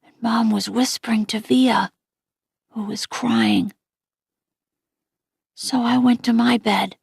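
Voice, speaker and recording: A woman narrating an audiobook in a gentle, unhurried reading voice. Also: on the high side, creaky, breathy edge, no room sound, studio quality.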